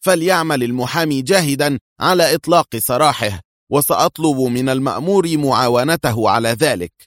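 A man's voice: mid-range voice, a little fast, a bit bright, no echo, clean studio sound, pitched above the performer's own voice, natural voice. A man voicing a ruthless, scheming female crime boss who barks orders in anger. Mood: commanding. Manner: commanding, furious.

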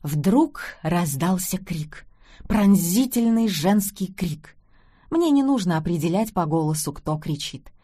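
A woman's voice: fairly low pitch, lively intonation, slow pace, warm tone, breathy edge. A middle-aged woman narrating a family story in first person, with wry, dry humour.

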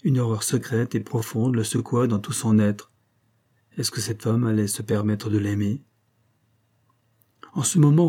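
A man narrating a classic novel in a measured, even reading voice. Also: lowish voice. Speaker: audiobook narrator. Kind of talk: scripted narration.

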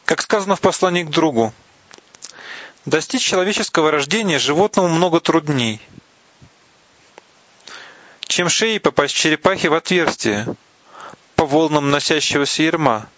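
A man giving a slow, deliberate reading of a religious text, pausing between phrases and sometimes restarting a word. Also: a little high, lively intonation, fairly bright tone, no echo. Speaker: reader of Buddhist teachings. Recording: dull, lo-fi, dry recording.

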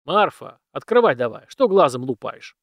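A man voicing a domineering dead old industrialist master who bellows gruff commands. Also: on the high side, big pitch swings, moderate pace, no room sound, studio quality. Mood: angry, bellowing.

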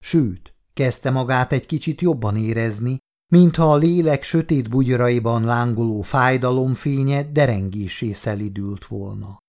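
A man narrating a novel in a measured, steady reading voice. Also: medium pitch. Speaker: audiobook narrator. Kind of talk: scripted narration.

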